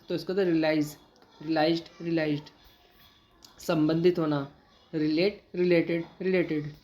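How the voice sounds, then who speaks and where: A woman teaches English vocabulary in a slightly low voice. She drills each verb form in a steady, patient rhythm, repeating words one after another. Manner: steady, patient, repetitive drilling of word forms. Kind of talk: vocabulary lesson, reading verb lists.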